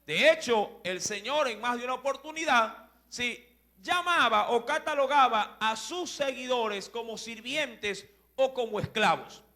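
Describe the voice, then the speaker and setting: High, bright-voiced male preacher. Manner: rhetorical questions to listeners, slow and deliberate. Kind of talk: sermon teaching on Greek words. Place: church.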